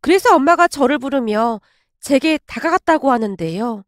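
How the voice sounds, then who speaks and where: A woman in her thirties telling her own family story in a chatty, confiding way. Her voice sits high and moves a lot in pitch. The sound is dry and close. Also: animated, normal speed, no echo. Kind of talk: first-person story narration.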